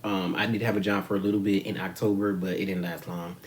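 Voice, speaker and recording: Man, US-raised vlogger, lowish voice, slangy and swearing freely, rambling to camera while eating, faint noise around him. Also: flat delivery, fast. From United States. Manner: rambling, profane, slangy and frank. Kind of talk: casual talk to camera. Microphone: camera mic.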